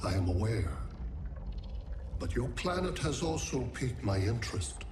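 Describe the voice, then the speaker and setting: An actor playing a cold, imperious alien machine intellect in a video game, speaking in detached, clinical, formal phrases. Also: male voice, medium pitch, very animated, moderate pace, noisy background, lightly acted. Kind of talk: video game cutscene acting. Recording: echoing voice over loud cinematic music.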